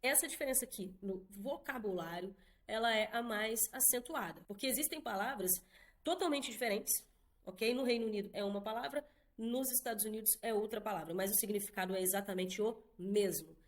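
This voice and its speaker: A Brazilian woman teaching an online English lesson in a casual, chatty way, often checking in with quick tag questions. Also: medium pitch. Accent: Brazilian Portuguese.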